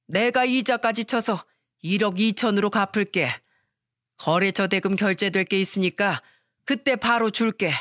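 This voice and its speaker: A woman voicing a smooth-talking, scheming father-in-law asking for money, in a storytelling radio reading. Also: mid-range voice, moderate pace, fairly bright tone, no echo, studio quality, close to an everyday voice. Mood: wheedling. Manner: ingratiating, pushy.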